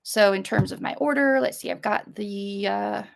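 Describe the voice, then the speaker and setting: A middle-aged woman with a creaky voice, chatting casually through an unboxing in a rambling, hesitant way. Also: mid-range voice, normal speed. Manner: rambling, hesitant, trailing off and circling back. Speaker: vlogger showing a shopping haul.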